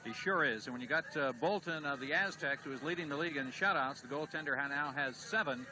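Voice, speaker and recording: Man, color commentator, explanatory, higher pitch, noisy old tv audio. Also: quick pace. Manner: relaxed, explanatory. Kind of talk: 1970s TV sports analysis. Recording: old TV broadcast with steady noise.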